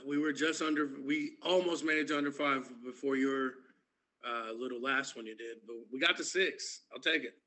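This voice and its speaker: A man's voice: mid-range voice, normal speed, pushed and bright, rough recording. A man co-hosting a casual podcast, talking in an easygoing, laid-back way. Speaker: podcast co-host.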